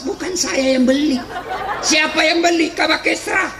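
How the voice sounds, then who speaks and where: A middle-aged man preaching a comic sermon, animated, often shouting and laughing through his punchlines. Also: extremely high pitch, moderate pace. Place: large hall with a live audience. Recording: echoey hall, faint crowd and noise.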